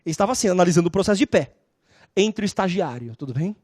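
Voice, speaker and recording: A woman lecturing on law, telling lively stories and constantly checking in with her class. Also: fairly low pitch, very fast, dry recording. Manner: animated, acts out scenes.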